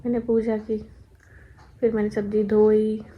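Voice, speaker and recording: A woman's voice: medium pitch, completely flat delivery, a little slow, highs cut off, a little hiss or hum. A young pregnant woman chatting at home about her day, tired and laughing now and then as she tells stories. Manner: chatty, laughing, recounting daily life. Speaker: vlogger. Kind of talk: casual chat.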